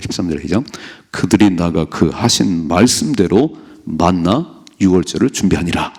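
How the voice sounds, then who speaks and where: A middle-aged man preaching a dawn prayer sermon, his low voice gravelly and husky. He swings through a wide pitch range as he acts out the people in his stories. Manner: animated storytelling, acting out characters' lines. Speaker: pastor. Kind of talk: early-morning prayer sermon.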